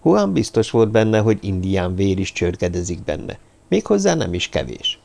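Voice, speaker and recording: A man reading a novel aloud as an audiobook narrator, in a measured storytelling style. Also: low voice, sing-song, gravelly, darkish tone. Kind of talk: scripted narration.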